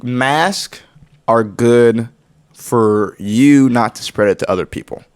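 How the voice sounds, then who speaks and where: A man's voice: medium pitch, slow pace, clean tone. A young man co-hosting a podcast in laid-back casual chat, swearing freely and laughing often. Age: young adult. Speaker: podcast co-host.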